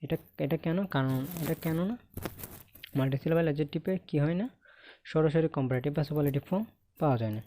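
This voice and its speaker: Male grammar tutor with a Bangladeshi accent, warm and dark tone, brisk pace, quizzes the class and checks "okay?" often. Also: on the high side. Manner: asks the class questions and answers them himself; ends points with a checking "okay?". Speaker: English grammar teacher. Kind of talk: recorded online lesson.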